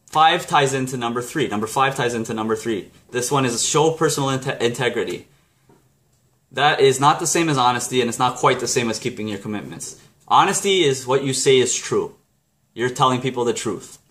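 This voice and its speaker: Slightly bright and medium in pitch, this Canadian man's voice carries a laid-back vlog about a self-help book chapter. As a book reviewer, he wanders through his explanation and keeps fixing his own wording.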